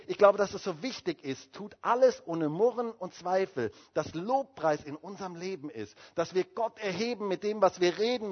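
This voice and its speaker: A male pastor preaching a sermon with emphatic calls and rhetorical questions to the congregation. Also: sits high. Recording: dull lo-fi sermon recording.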